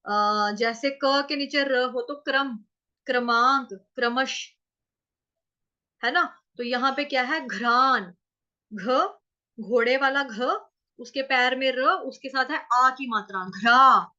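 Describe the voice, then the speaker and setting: A woman teaching how to chant a Sanskrit verse, breaking words into syllables, repeating them slowly and answering her own questions. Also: sits high, bright, forceful tone, muffled recording. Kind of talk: pronunciation lesson in Hindi.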